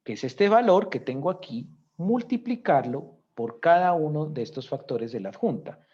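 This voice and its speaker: A man's voice: on the high side, expressive, normal speed, a little mellow, breathy edge, highs cut off. A man teaching a recorded economics lesson, explaining step by step and often checking in with his students. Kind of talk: recorded lecture with spreadsheet walkthrough.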